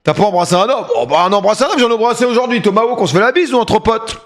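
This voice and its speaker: A man streaming live, chatting casually and joking with bursts of loud excitement. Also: high voice, rapid-fire.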